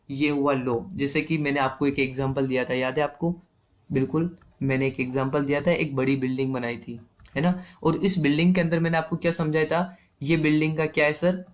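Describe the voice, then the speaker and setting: हिंदी में समझाता ऊँची आवाज़ वाला आदमी. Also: male voice, a little high. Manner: explains step by step, keeps asking "ठीक है?". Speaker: trading teacher. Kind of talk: live online class.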